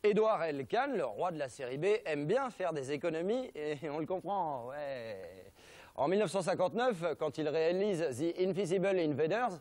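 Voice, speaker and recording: A French-accented male TV host presents film history with ironic, mock-serious humour. He drops jokey asides in a slightly high-pitched voice. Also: lively intonation, fairly quick, few pauses, darkish tone, slight background noise. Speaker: television show host.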